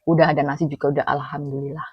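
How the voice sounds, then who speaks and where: A woman with a low voice and a Javanese accent from Cilacap chats casually through mouthfuls of food. She hums between phrases as she eats, and the sound is close and dry. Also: little pitch movement, rapid-fire, husky, no echo, highs cut off. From Cilacap, Central Java, Indonesia. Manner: talks with mouth full while eating, with savouring hums. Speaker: food vlogger. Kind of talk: casual eating chat, mukbang.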